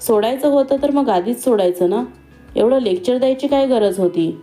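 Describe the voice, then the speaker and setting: Woman voicing a sharp-tongued young college girl. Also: fairly high pitch, lively intonation, normal speed, soft background music, lightly acted. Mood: spirited.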